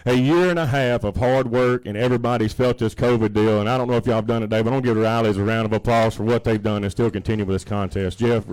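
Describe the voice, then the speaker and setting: A man's voice: on the low side, fairly even intonation, fast talker, few pauses, darkish tone, smooth, rough recording. A man with a Southern US accent, giving a short address as an auctioneer contestant into a close microphone. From Alabama, United States. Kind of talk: thank-you speech at a live auction. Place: indoor livestock auction arena. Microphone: stand microphone held close.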